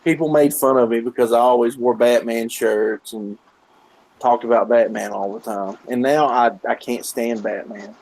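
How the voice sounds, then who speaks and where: A man in a casual stream chat, agreeable and quick to chime in. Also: mid-range voice, fairly even intonation, darkish tone, poor audio.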